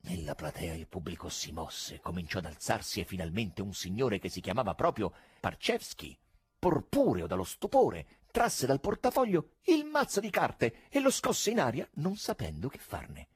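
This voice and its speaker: Husky male audiobook narrator. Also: fairly low pitch, wildly swooping pitch, no room sound. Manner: measured, dramatic storytelling. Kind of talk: scripted narration.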